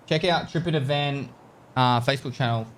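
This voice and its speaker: A man's voice: mid-range voice, slight background noise. An Australian man streaming a game over a headset mic, chatting casually and trailing off with hesitations as he thanks viewers. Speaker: gaming streamer. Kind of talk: casual livestream chat while gaming. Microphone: livestream headset mic.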